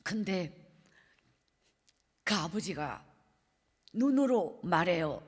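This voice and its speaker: A middle-aged woman evangelist with a Gyeongsang accent, giving an emotional sermon testimony and often dropping to a soft hush. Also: lowish voice, sing-song, takes it slowly, husky. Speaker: evangelist preacher. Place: church sanctuary. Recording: long reverb of a church hall.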